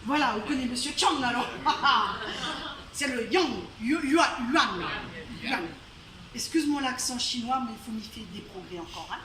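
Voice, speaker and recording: High-voiced storyteller woman from Réunion. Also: moderate pace, crowd noise. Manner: chatty, asides to the audience, laughs often. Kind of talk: live oral storytelling. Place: storytelling evening in a venue. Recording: roomy, distant live venue recording with faint noise.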